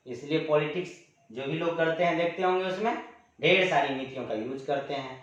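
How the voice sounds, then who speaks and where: A man's voice: on the high side, a little fast, fairly bright tone. A man teaching grammar in a classroom-style lecture, explaining patiently, repeating each definition and drawing out example words in his terms. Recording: echoey room, dull lo-fi sound.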